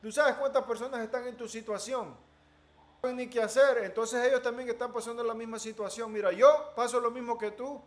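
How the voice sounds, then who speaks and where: A man with a noticeably high voice who talks in an animated, storytelling way during a casual conversation. He drops English words into his speech. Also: brisk. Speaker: interviewee.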